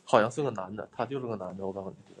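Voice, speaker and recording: With slight background noise behind him, a man with a lowish voice talks very fast as he streams a ghost hunt from an abandoned building. He is blunt with his chat, swears freely, and thanks viewers for their gifts.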